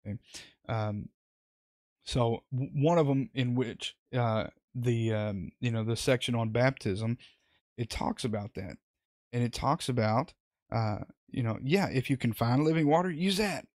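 A man's voice: medium pitch, a little slow, darkish tone, no echo. A man hosting a live, unscripted Bible study, rambling with many fillers and restarts as he comments on scripture.

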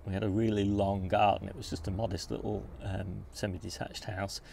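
Man, low and gravelly, relaxed outdoor garden-tour host, faint background noise. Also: fairly quick. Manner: relaxed, informative, pointing things out as he walks. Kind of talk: casual garden tour walkthrough. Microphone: handheld phone camera.

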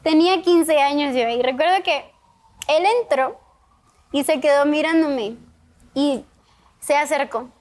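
A woman's voice: high voice, slow pace, long pauses, darkish tone. A young woman, an interview guest, giving an earnest and emotional personal faith testimony in a TV studio.

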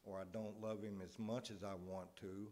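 A man from Tennessee preaches a plain, personal sermon in a somewhat low voice. He talks in halting bursts, repeating words and restarting his sentences. His tone is earnest and confessional. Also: flat delivery, a little mellow. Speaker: lay preacher. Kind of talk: informal sermon.

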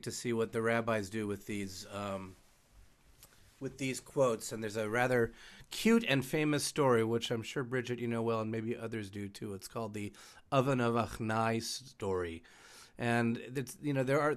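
A man leading a discussion, telling a story in a thoughtful, casual way with many fillers. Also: mid-range voice. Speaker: discussion leader. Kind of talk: casual teaching on a video call.

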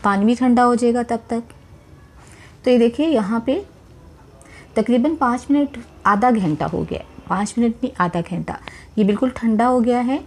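Pausing often, a woman with a slightly high voice and normal pace narrates a recipe off-camera for her cooking channel. She's warm and chatty, encourages viewers by speaking to them directly, and repeats religious blessings as she goes.

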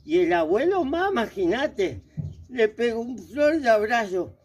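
Male storyteller for kids; lively, talks to the audience, high-pitched. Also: measured pace, breathy edge. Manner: lively, chatty, asks the audience questions. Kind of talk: children's storytelling at a book fair.

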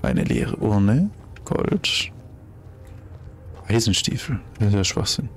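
A man's voice: on the low side, big pitch swings, takes it slowly. A German man giving casual let's play commentary, chatty and thinking aloud, exclaiming over loot as he finds it.

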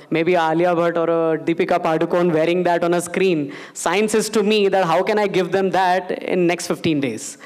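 Man on a panel, smooth clear voice, kinda high, chatty with examples. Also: darkish tone. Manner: casual, explains with everyday examples. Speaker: panelist, company managing director. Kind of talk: panel discussion. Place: conference stage in a large hall.

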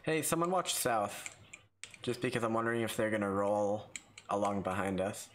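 A man leading a squad in a game over voice chat, giving quick tactical calls. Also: lowish voice, steady tone, fairly bright tone, a little hiss or hum. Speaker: squad leader streamer.

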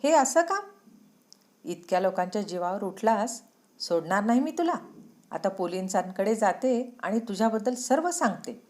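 Woman reader doing a betrayed young woman, loud and high, accusing. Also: sing-song, normal speed, lightly acted. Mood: furious.

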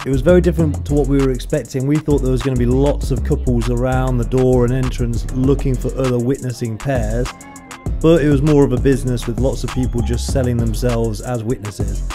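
A man narrates a travel vlog in voice-over, recapping what happened in a calm, matter-of-fact way. His pitch is medium for a man. Music runs underneath. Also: fairly quick.

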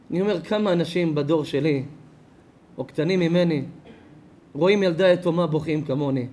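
A rabbi from Israel preaching an ethics sermon to a live congregation, swelling loud on key phrases and then dropping quiet and intimate. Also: male voice, a little high, a little hiss or hum. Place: lecture before a live audience.

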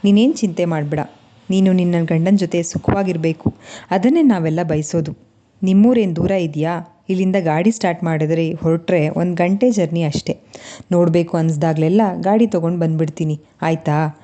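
A woman voicing a loving older father who soothes his daughter as she leaves home, in a quick, tender manner. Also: lowish voice, dark tone, lightly acted.

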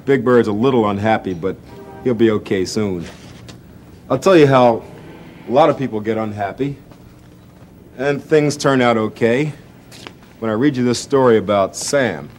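A man hosting a children's TV show, gently and expressively reading a story aloud to children. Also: mid-range voice, moderate pace, long pauses, slight background noise. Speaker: children's TV host.

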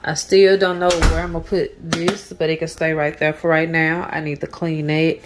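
A woman in her thirties talks to her viewers while she tidies her kitchen. Her voice sits a little low, and she rambles loosely, often circling back with "so yeah". The sound comes from a camera on a tripod a few steps away in a home kitchen. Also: normal speed, background noise. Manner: relaxed, rambling, repeats "so yeah". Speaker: vlogger. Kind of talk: casual cleaning vlog chat. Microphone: camera on tripod across the room.

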